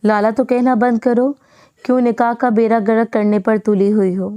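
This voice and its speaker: A woman's voice: on the high side, little pitch movement, warm tone, smooth, lightly acted. A woman reading the lines of a doting, possessive older husband in an affectionate, coaxing way.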